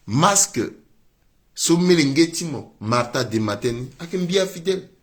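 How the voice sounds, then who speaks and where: A man giving a political commentary monologue, mixing French and Sango, with exclamatory outbursts that swing down to low muttering. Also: a bit bright.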